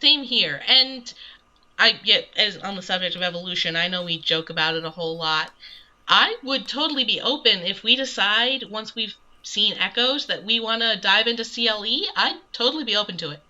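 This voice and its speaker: A woman's voice: medium pitch, animated, moderate pace, sharp tone. A woman co-hosting a podcast, chatty and agreeable in casual talk. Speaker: podcast co-host. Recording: dull lo-fi sound.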